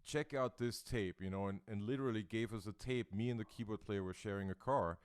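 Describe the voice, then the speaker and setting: Man from Austria, host, thoughtful, smooth resonant voice, dry close sound. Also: fairly low pitch, a little fast, no echo. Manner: thoughtful, searching for words. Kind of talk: casual interview chat. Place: Brooklyn, New York.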